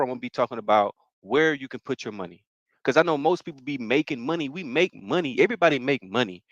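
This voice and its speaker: A man's voice: mid-range voice, dry recording, dull audio. Young man from Mississippi, casual encouraging workshop host, repeats himself, dry close sound. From Mississippi, United States. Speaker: financial workshop presenter. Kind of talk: live-streamed financial workshop talk.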